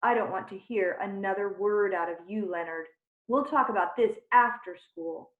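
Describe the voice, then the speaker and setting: A woman voicing a quirky male teacher who lectures his class gently and firmly, in a children's storybook. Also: mid-range voice, natural voice. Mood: lecturing. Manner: measured, lecturing. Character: odd, fussy male teacher, calm and gentle. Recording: tinny phone-like sound in a roomy space.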